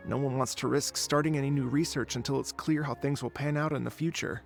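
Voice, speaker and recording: A man's voice: mid-range voice, steady tone, a little fast, creaky, soft background music, close to an everyday voice. An actor playing a chatty, unmotivated young male researcher who justifies himself, in a video game. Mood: casual. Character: idle young male researcher, casual, unmotivated excuse-maker. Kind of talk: video game dialogue acting.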